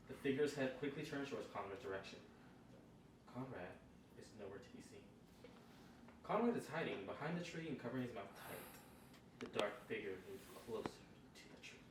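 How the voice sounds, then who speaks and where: A man narrating stage directions at a script table read, recorded in a noisy room from away from the mic. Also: lowish voice. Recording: roomy, far from mic, noisy.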